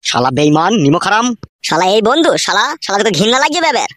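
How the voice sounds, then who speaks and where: An enraged, betrayed young friend in a comic cartoon, as a man puts him on. He rants insults in a rapid, climbing voice that swoops high, recorded dry and close. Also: very animated, no echo. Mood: furious. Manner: ranting, insulting, shouting.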